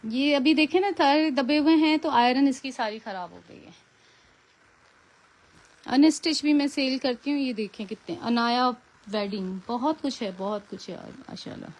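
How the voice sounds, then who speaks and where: A woman's voice: fairly high pitch, unhurried, long pauses. A woman with a Pakistani Urdu accent, chatting casually on a live stream as a preloved clothing seller, often repeating pious phrases and firm about fixed prices.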